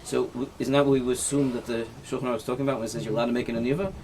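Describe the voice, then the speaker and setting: Rabbi explaining knots step by step. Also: male voice, medium pitch, steady tone, very fast, a little mellow, a little hiss or hum. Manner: explains step by step, often checks with "right?"; mixes Hebrew and Yiddish terms into English. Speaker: rabbi teaching a class. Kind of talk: informal halacha lesson with demonstration.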